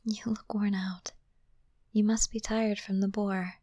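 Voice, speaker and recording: A woman whispering as a gentle young princess. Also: mid-range voice, flat delivery, no room sound, muffled recording, natural voice. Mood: soothing whisper. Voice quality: soft unvoiced whisper. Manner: slow, soothing, reassuring. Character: gentle young princess, future queen, calm and caring. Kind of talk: whispered ASMR roleplay.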